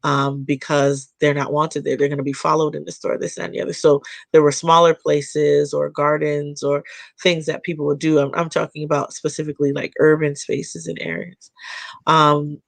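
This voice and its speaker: A woman appears as a guest in a casual podcast conversation, speaking thoughtfully and haltingly with frequent fillers and restarts. Her voice is low and gravelly, her delivery flat, and the recording dry.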